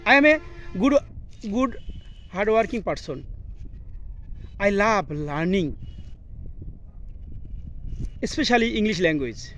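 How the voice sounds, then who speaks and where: With a high-pitched, animated and slightly bright voice, a Bangladeshi man whose first language is Bengali hosts an instructional vlog outdoors at an open, scenic spot, speaking to camera as an English teacher. His English is halting and simple, in short broken phrases, and the poor audio carries outdoor noise and faint birdsong.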